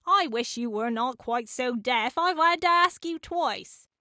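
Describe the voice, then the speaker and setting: A woman's voice: sits high, animated, a little slow, sharp tone, no echo, exaggerated voice. A dour, greedy carpenter from a storybook verse, put on by a woman. He speaks bluntly and curtly. The sound is close and dry. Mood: irritable.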